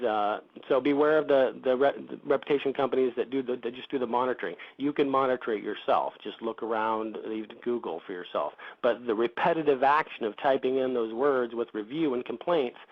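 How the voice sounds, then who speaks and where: Male business owner, mid-pitched, hesitant talker; dull, lo-fi recording. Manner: hesitant, many fillers and restarts. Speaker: reputation management company founder. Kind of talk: interview answers. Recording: dull lo-fi audio.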